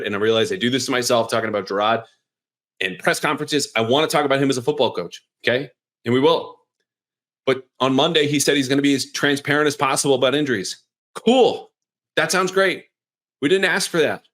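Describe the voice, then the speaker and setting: A male sports podcast host in a casual, energetic monologue. His talk is conversational and keeps swinging into lively emphasis. His voice sits at an ordinary middle pitch. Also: fast talker.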